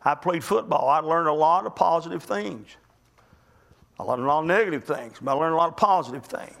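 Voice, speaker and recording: A man preaching a sermon as pastor, emphatic, swinging between loud urgent pleading and low quiet asides. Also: a little fast, vocal fry.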